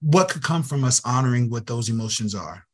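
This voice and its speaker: The interview guest, a youth program director, talks a little fast in an expressive, medium-pitched voice. He comes across as earnest and emphatic, using repetition to make his point stick.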